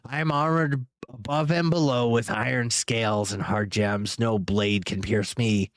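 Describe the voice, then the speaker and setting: Man putting on a slow, menacing old dragon. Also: medium pitch, fairly even intonation, no echo, lightly acted. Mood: scornful. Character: huge ancient gloating male dragon. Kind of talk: audiobook reading.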